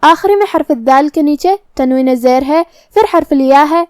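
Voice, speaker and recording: A woman teaching Quran recitation, explaining each letter's pronunciation slowly and precisely. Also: high voice, dry recording. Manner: slow, careful, precise articulation. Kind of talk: tajweed lesson, explaining letter by letter.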